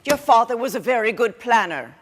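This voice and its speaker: A woman's voice: on the high side, lively intonation, a little fast, in a large hall. A woman playing a fretful, easily shocked mother who pleads and repeats herself in a stage play. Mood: frantic. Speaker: actor.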